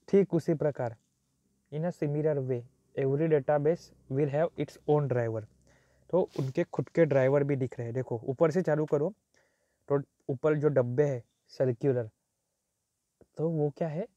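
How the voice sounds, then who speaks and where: A man's voice: medium pitch, mellow, no room sound. A man teaching a technical lecture who mixes Hindi with English terms, repeats his points, and asks and answers his own questions. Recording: dull, slightly muffled recording.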